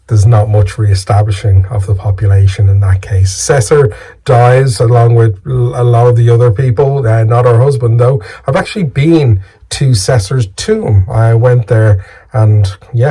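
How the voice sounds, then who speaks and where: A man with an Irish accent, a storyteller telling tales in an informal, conversational way with a husky voice. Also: medium pitch, mellow, low-quality recording. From Ireland. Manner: casual, conversational, lightly sweary. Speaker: storyteller and video host.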